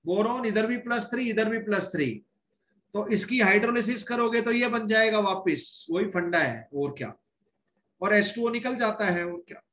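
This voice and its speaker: High-voiced man teaching chemistry, echoey room. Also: normal speed, fairly bright tone. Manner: explains step by step with many rhetorical questions. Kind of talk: classroom lecture in Hinglish.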